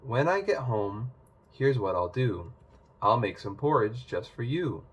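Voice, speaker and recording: Man playing Baby Bear, slow and lively. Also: medium pitch, slightly rough. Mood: friendly. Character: young male bear cub, curious, plain-spoken, friendly.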